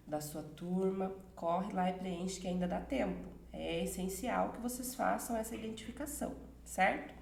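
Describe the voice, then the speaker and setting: A woman's voice: fairly low pitch, gravelly, darkish tone, reverberant. A woman from Brazil teaching a recorded class for children, greeting them in a friendly, reassuring way and reviewing the material. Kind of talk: recorded remote class introduction.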